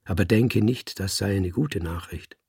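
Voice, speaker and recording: A man's voice: on the low side, a little slow, gravelly, a little mellow, husky, no room sound, clean studio sound, full character voice. A man voicing a scheming ship's mate with a thin, whispering voice in a storybook reading. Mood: insinuating.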